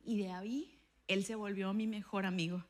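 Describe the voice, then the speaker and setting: A woman pastor preaching a sermon and telling a personal testimony, acting out the dialogue in her stories with an animated voice. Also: medium pitch, moderate pace. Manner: animated storytelling, acts out dialogue with a raised voice.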